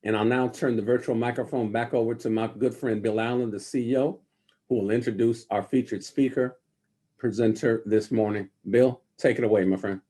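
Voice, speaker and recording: A man's voice: mid-range voice, steady tone, brisk, warm tone. A man, a university president, giving formal remarks and handing over to the next speaker. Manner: formal, gracious.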